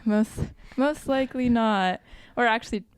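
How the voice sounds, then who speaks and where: A woman's voice: fairly high pitch, moderate pace, clean tone, dry recording. A young adult woman co-hosting a podcast, chatting casually with lots of "like" fillers and acted-out quotes. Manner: chatty, full of "like" fillers, acts out quoted speech. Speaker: podcast co-host. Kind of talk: casual chat.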